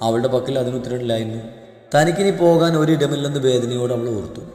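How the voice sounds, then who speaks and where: A man narrating a story in a measured, even storytelling manner. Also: medium pitch. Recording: echoey reverberant audio with music.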